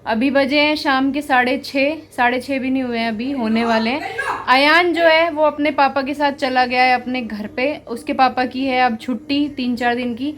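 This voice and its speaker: A woman's voice: high-pitched, fairly even intonation, normal speed, fairly bright tone. A young woman chatting casually in a family vlog, teasing and laughing often as she films around her home. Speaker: vlogger.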